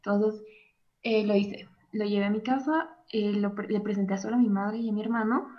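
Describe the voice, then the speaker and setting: A young Mexican woman confides a personal matter to an advice host, halting and starting over as she hunts for the right words, with plenty of fillers. Her middle-pitched voice is fairly level and brisk, and the recording comes across as somewhat dull and lo-fi.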